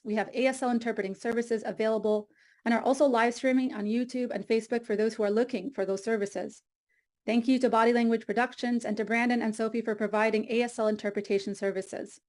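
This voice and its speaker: A woman with a slightly raised pitch reads polished introductions as moderator of an online panel. She speaks in a formal, scripted way, and her voice comes through a computer mic on a video call. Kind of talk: read introductions.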